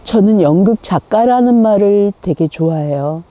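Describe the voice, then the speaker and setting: A woman's voice: mid-range voice, expressive, dark tone, no room sound, faint music behind. An older woman who heads a theater company, speaking reflectively in a documentary interview. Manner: reflective, measured, with pauses. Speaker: playwright and theater company head.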